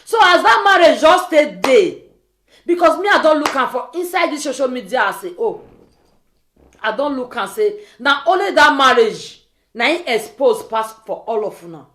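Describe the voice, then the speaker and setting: A high, very animated female voice with a West African accent rants informally in pidgin, in a roomy echo. She scolds like a social media vlogger, hammering rhetorical questions again and again. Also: normal speed. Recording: echoey, roomy sound.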